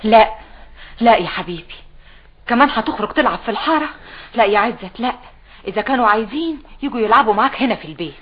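Husky Egyptian mother. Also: on the high side, lively intonation, quick pace. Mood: firm. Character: doting, protective mother of a young boy. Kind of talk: TV drama acting. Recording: dull lo-fi TV soundtrack.

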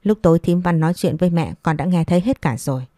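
A patient young widow, polite and soft-spoken, pleading respectfully with her elders, as a woman storyteller voices her. The tone is low and mellow. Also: fast talker, no room sound, studio quality, lightly acted. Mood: firm.

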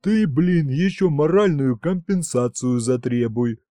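A man's voice: fairly high pitch, unhurried, warm tone, dry recording, clean studio sound, natural voice. A man voicing a crude, mocking young male brute who talks coarsely.

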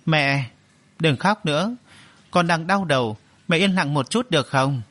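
A man's voice: on the high side, animated, unhurried, a bit bright. A man voicing a bitter, vengeful young man in an audio story, speaking coldly and curtly. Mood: irritated. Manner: cold and curt.

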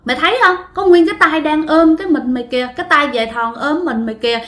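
A man's voice: very high voice, fast, a bit bright, roomy sound, voice pushed up. A woman voicing a possessed young man who raves and keeps repeating that he craves blood. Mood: raving. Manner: repeating himself, raving.

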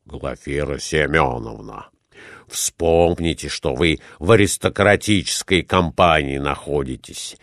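A man voicing a fussy, solicitous gentleman who keeps questioning in a storybook reading. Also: medium pitch, wildly swooping pitch, a little slow, no room sound, clean studio sound, voice pushed up. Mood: fussing. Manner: fussing, questioning.

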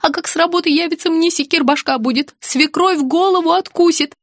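A woman doing a shrill whining young woman. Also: brisk, no echo, clean studio sound. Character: hysterical young blonde woman, shrill and whiny.

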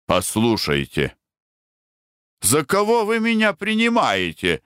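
A man voicing a blunt, mocking middle-aged army captain who speaks slowly and scornfully. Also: a little high, huge pitch swings, fairly bright tone, smooth, dry recording, clean studio sound, voice pushed up, full character voice. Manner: slow, scornful and threatening.

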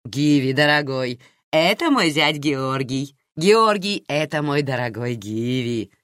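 A woman voicing a loud fussy doting aunt. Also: very deep voice, expressive, slow, no room sound, clean studio sound, exaggerated voice. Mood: effusive fussing. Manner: effusive, exclaiming, fussing.

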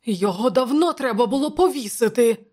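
A woman voicing a fussy, plump old male royal adviser in a high, flustered voice. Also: lively intonation, brisk, a little mellow. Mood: scornful. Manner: shrill, flustered.

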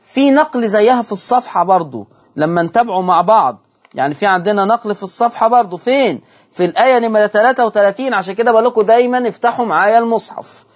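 A man's voice: high voice, highs cut off. Egyptian man teaching Quran recitation. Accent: Egyptian Arabic. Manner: slowly chants and repeats example words from the verses. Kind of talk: televised Quran recitation lesson. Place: television studio.

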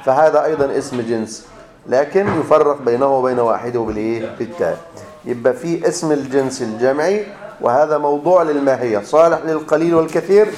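A man's voice: a little high, a little mellow. A man with an Egyptian accent teaching a grammar class, repeating each rule as a question and answering it himself. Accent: Egyptian Arabic. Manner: drills students with repeated fill-in questions, then answers himself. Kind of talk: classroom lecture. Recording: echoey room.

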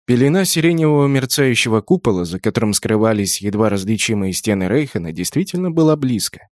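A man's voice: on the low side, animated, fast, darkish tone, no room sound. Man narrating an audiobook, dry sound. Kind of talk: first-person audiobook narration.

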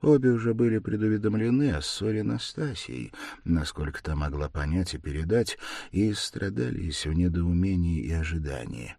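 A man narrating a classic novel as an audiobook, expressive and theatrical. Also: deep voice, moderate pace, vocal fry, dry recording, studio quality.

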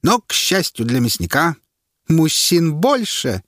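A man reading an audiobook and voicing a commanding, mocking male herald who proclaims loudly and drags out his words. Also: a little high, sing-song, a little slow, no room sound, clean studio sound, voice pushed up. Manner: loud, proclaiming, drawn out.

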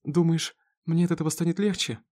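Man putting on a high, frantic farm wife. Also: steady tone, fairly quick, close to an everyday voice. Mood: firm. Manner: anxious, sharp, commanding.

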